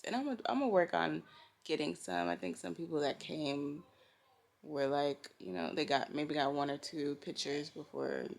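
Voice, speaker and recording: Speaking with vocal fry in a low voice, a woman who designs costumes chats openly in a casual personal vlog filmed at home.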